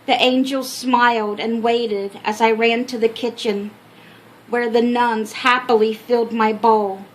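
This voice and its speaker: An older woman with an American accent reading her own memoir aloud as an expressive storyteller. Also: on the high side, unhurried, a little hiss or hum, rough recording. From Minnesota, United States. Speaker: author telling her life story. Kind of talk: scripted memoir narration.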